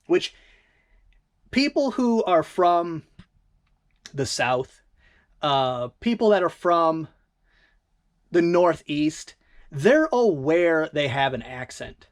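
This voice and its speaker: In a medium-pitched, sing-song voice, a vlogging eBay reseller from Northern Michigan chats casually. They carry a Northern Michigan accent, ramble, and correct themselves with quick asides.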